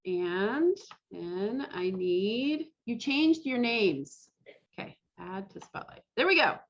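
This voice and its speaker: A woman casually hosts an online costume parade as a live event over a video call, speaking into a computer mic that makes the audio slightly dull. Her mid-range voice has lively intonation and a slow pace.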